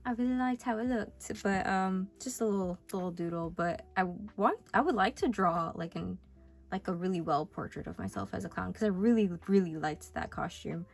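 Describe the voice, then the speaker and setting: A woman's voice: mid-range voice, moderate pace, creaky. A young woman talks casually through her sketchbook, rambling and cutting herself off. She is sick, and her voice sits in a middling range for a woman. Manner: chatty, rambling, self-interrupting. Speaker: vlogger.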